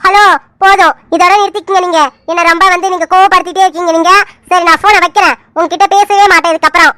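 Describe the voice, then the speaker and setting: A woman voicing Poomari, a playful and quick-tempered young village woman in an animated serial, who argues in rapid, indignant bursts. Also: extremely high pitch, dry recording. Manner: indignant, rapid back-and-forth arguing. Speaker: cartoon character.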